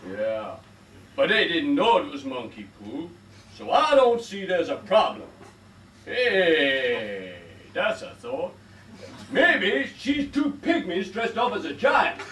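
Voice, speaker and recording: A man's voice: sits high, sing-song, takes it slowly, a bit bright, heavily acted. A man playing a shifty, muddled comic witch doctor, hammy and defensive, in an amateur stage pantomime. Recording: echoey stage, distant mic, noise.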